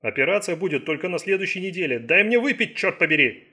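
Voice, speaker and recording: A man's voice: fairly high pitch, lively intonation, quick pace, a bit bright, husky. A man voicing an irritable, stubborn male criminalist in an audiobook thriller. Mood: demanding. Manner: snapping, pleading.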